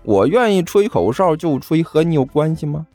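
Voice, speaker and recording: A man's voice: on the high side, big pitch swings, moderate pace, warm tone, soft background music, pitched above the performer's own voice. A man voicing a chubby, cheeky schoolboy who talks in a sly, teasing, sing-song way. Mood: taunting.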